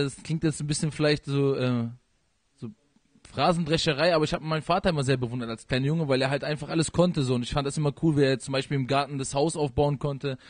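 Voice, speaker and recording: A young man from Iran who raps, answering interview questions into a handheld mic in a living room, animated and full of fillers. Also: a little high, no echo. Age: young adult. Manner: animated, talks in loose run-on sentences with many fillers. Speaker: rapper being interviewed. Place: living room at home, indoors.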